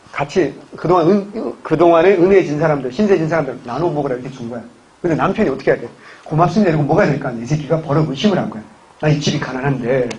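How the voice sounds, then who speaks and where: A man's voice: a little high, darkish tone, lo-fi sound. A man lecturing on history in a classroom, chatty, with joking asides to his students. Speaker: civil service exam history lecturer.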